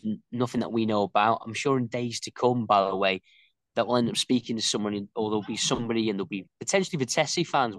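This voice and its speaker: A man co-hosting a casual fan reaction chat, talking with lots of pauses and restarts. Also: fairly low pitch, no echo. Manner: hesitant, lots of ums and restarts. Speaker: co-host.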